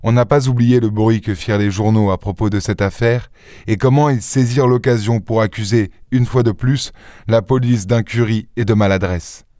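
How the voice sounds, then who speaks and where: A man's voice: fairly low pitch, no room sound. Man reading a story, dry studio sound. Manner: measured, even storytelling. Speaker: audiobook reader. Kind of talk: scripted narration.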